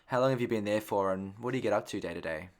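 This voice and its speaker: A man's voice: lowish voice, very fast. A man hosting an interview, asking casual questions and reacting with upbeat remarks like "beautiful" and "awesome". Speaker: podcast host. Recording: tinny phone-like line.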